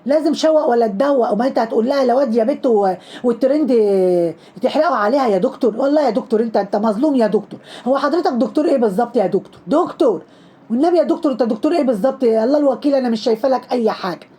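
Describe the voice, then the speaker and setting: A high-voiced woman with an Egyptian accent tears through her lines at breakneck speed. Her tone is dark and mellow, yet every line scolds and mocks. She hammers each jab home with repetition in a sarcastic commentary style. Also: racing, slightly rough. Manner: scolding, mocking, heavy repetition. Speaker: social media commentator. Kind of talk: sarcastic commentary on trending videos.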